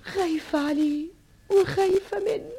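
Brief: distraught young woman, Egyptian accent, tearful pleading, very high voice. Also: normal speed, mellow. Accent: Egyptian Arabic. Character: anguished young woman pleading with her troubled lover. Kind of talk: Egyptian TV drama acting.

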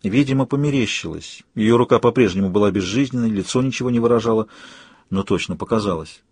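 Husky male audiobook narrator. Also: fairly low pitch, fast talker, no echo. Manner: expressive, lively storytelling. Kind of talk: first-person audiobook narration.

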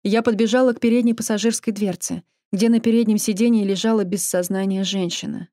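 A woman narrating an audiobook in the first person with a measured, even reading. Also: mid-range voice, no echo, studio quality.

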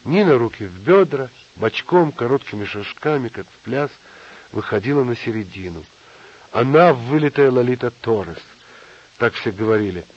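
A man narrating a novel in a calm, measured audiobook reading. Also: medium pitch. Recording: slightly dull lo-fi audio.

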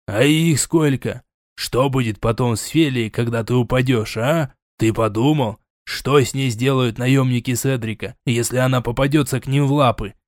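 A man's voice: mid-range voice, normal speed, no room sound, studio quality, natural voice. A man voicing a stern older prince who scolds, sighs and turns suspicious. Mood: weary. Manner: scolding, sighing, sarcastic.

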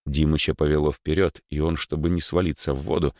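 A man narrating a children's adventure audiobook in an expressive storytelling manner. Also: very deep voice, a little fast, dry recording, studio quality. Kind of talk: scripted narration.

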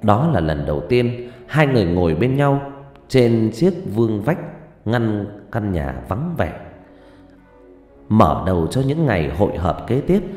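A man narrating a story in an expressive, measured storytelling manner. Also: on the low side. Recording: reverberant room with faint background music.

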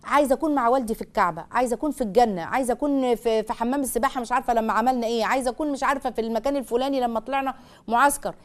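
Egyptian woman host giving advice on a call-in show, high voice, talks super fast, earnest and instructive. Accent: Egyptian Arabic.

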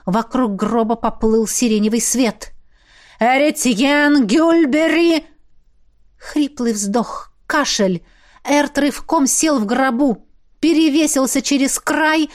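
A woman reading a fantasy novel aloud in first person, in an expressive, measured way. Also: on the high side. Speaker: audiobook narrator. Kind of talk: scripted first-person narration.

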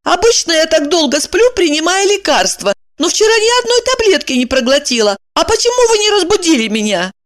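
A woman voicing an anxious, excitable young woman who talks in high, flustered exclamations. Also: brisk, hardly any pauses. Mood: agitated.

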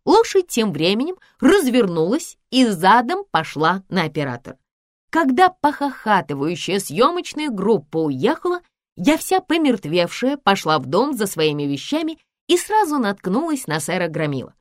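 A woman reads a first-person audiobook in a wry, conversational way. Her pitch moves in a lively, animated line, and the recording is dry and close. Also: moderate pace, no echo. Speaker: audiobook reader.

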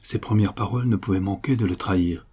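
Low, husky male audiobook narrator. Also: quick pace, mellow. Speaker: audiobook reader. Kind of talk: scripted narration of a classic novel.

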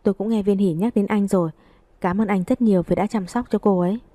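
Brief: woman narrator voicing a courteous young man, friendly, dark mellow tone. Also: medium pitch, fairly even intonation, fast talker, no echo, lightly acted. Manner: polite, friendly.

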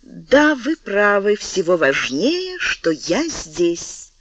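A man voicing a tender, sorrowful noble lady, a marquise, in a soft, wistful, reproachful way. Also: high voice, huge pitch swings, very slow, slight background noise, heavily acted. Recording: dull lo-fi dry recording.

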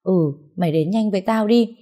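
A woman's voice: medium pitch, a little fast, warm tone, pitched above the performer's own voice, close to an everyday voice. A woman voicing a frightened young pregnant woman in labor, speaking weakly and tearfully. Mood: pleading. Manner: weak, tearful.

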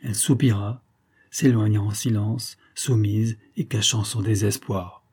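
A man narrating a classic novel as an audiobook in a measured, dramatic reading. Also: lowish voice, fairly even intonation, warm tone, slightly rough.

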